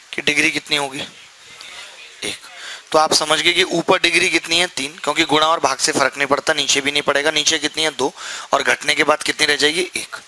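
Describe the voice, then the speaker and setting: Bright-voiced young man teaching maths. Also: a little high, rough recording. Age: young adult. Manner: asks students questions and answers them himself; jokey, chatty asides to students. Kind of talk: classroom lecture. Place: classroom with students.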